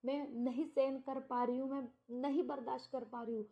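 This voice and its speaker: A middle-aged wife worn down by years of neglect, pleading and complaining through tears, as a woman storyteller puts her on. Her voice sits a little high, and her lines come out in choked, desperate runs. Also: little pitch movement, moderate pace, dark tone, dull audio. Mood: tearful.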